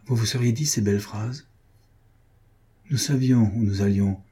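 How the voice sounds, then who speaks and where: An indignant, heartbroken woman pleads and reproaches her lover in impassioned bursts, as a male audiobook reader voices her. The tone is deep and mellow with a husky grain. It is a classic storybook read aloud. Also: measured pace. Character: wounded, furious woman confronting her lover. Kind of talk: audiobook reading of a classic novel.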